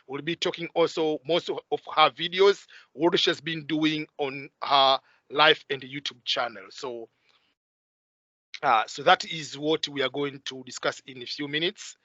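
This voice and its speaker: Bright-voiced man hosting a video interview. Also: a little high, fairly even intonation, measured pace, no echo, muffled recording. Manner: hesitant, frequent "uh" fillers. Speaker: host. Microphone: video call.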